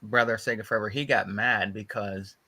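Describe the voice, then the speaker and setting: Speaking briskly in a low-leaning, steady voice with a bright, forceful tone, a man co-hosts a podcast. He gossips and tells stories casually, saying "bro" a lot and repeating phrases to stress his points.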